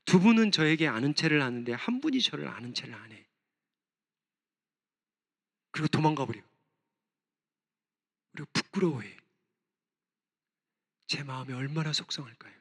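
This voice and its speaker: A man's voice: a little high, lively intonation, moderate pace, long pauses. A Korean man preaching a sermon as pastor, impassioned, voicing prayers aloud. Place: church sanctuary. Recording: long reverb of a church hall.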